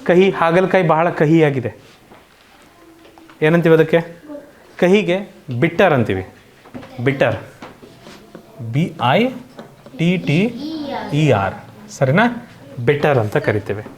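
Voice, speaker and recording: A woman's voice: deep voice, animated, slow, pauses often, a little mellow. A woman teacher with a Kannada accent, drilling English word pairs in an online coaching class, asking questions and answering them herself.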